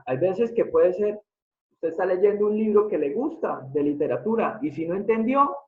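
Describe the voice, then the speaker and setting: A man's voice: high-pitched, animated, moderate pace. A man giving a live online lecture, explaining step by step and often putting questions to his audience. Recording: tinny phone-like sound in an echoey room.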